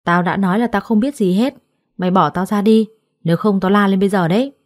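A woman's voice: mid-range voice, quick pace, a little mellow, no room sound, natural voice. A woman voicing a harsh, spiteful older adoptive mother who scolds with scorn in a storybook reading. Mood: angry.

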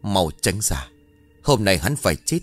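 A man's voice: sits low, sing-song, a little slow, faint music behind, exaggerated voice. A man voicing the grieving, vengeful ghost of a young mother, bitter and anguished. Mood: furious. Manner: bitter, anguished, then tearful.

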